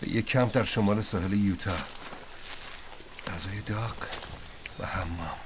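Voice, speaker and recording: An actor dubbing a wounded male officer who speaks quietly and wearily. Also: lowish voice, background noise, natural voice. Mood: weary. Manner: quiet, weary.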